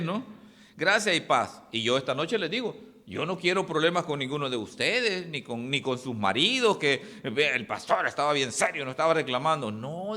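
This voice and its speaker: A male pastor preaching a sermon, animated, with sudden swings in his voice. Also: on the high side. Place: church hall. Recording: echoey church hall.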